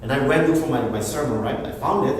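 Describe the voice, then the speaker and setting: A male pastor preaching a lively sermon, acting out the voices he quotes. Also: mid-range voice, normal speed, background noise. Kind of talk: bilingual sermon. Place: church hall. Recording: echoey hall from far off, faint ambience.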